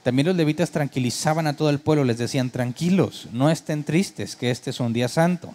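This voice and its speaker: Speaking quickly in a dark, mid-range voice, this pastor delivers his sermon like a conversation. He often throws rhetorical questions at the congregation and imitates worship keyboard sounds to get a laugh.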